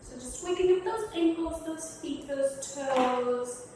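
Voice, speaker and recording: A woman leading a youth movement workshop, giving playful, encouraging instructions and calling out commands for a warm-up game. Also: high voice, slow pace, heavy background noise. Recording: echoey, reverberant room.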